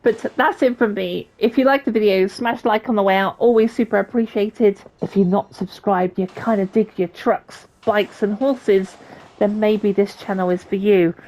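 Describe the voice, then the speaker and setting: A woman hosting a trucking game channel, giving her opinion in a chatty, thankful way and sounding a little hoarse. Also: mid-range voice, fairly even intonation, moderate pace, darkish tone, low-quality recording. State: slightly losing her voice. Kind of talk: casual video commentary and sign-off.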